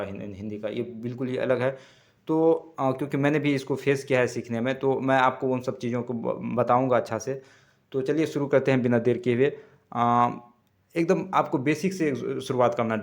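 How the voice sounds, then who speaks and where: A man teaching basic words in a casual spoken lesson, halting and correcting himself, repeating each word slowly. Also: mid-range voice. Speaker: language teacher. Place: Tamil-speaking region.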